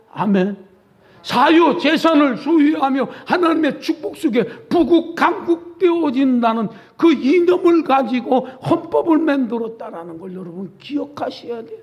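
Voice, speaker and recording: The audio is lo-fi, carrying a man's very high voice as he preaches in a church sanctuary. A pastor with a Chungcheong dialect, he is folksy and playfully teases members of his congregation by name.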